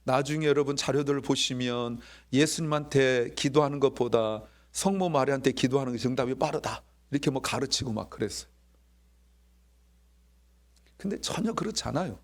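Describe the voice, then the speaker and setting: Male pastor, mid-pitched voice, animated sermon delivery, acts out dialogue himself. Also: normal speed. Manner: animated, acting out quoted dialogue.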